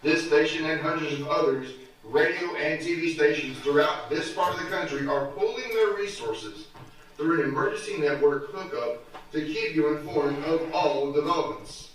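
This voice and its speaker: Actor as an urgent bulletin newscaster, slightly high voice, very echoey and distant. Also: male voice, natural voice. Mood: urgent, grave. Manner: formal, measured broadcast delivery. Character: male TV newscaster reading an emergency bulletin. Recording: very echoey hall from far off.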